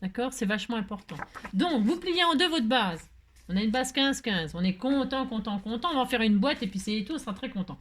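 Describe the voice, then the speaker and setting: A middle-aged woman hosting a chatty crafting tutorial, talking loudly and joking with her viewers as she works. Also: a little high, expressive, a little fast. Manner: loud, playful, talks to viewers, jokes.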